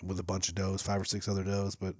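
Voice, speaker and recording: A man's voice: sits low, fast talker, no room sound, clean studio sound. A young man co-hosting a hunting podcast, chatting casually in a rambling way full of asides. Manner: rambling and animated, trailing off into asides. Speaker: podcast co-host. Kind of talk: casual chat. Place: small hunting shop studio. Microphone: headset or boom mic.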